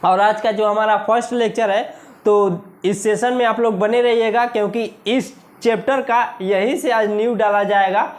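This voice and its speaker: A man with an Indian accent teaching a maths lesson for exam preparation, repeating key words slowly and asking the class questions. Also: high voice, steady tone. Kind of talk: exam-prep video lesson.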